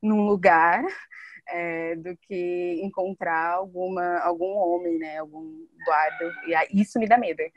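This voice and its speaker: Young woman, twenties, low voice, dry close sound, hesitant fillers. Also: fairly even intonation, slow pace, dry recording, muffled recording. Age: 20s. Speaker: interviewee, education student. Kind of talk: testimony interview.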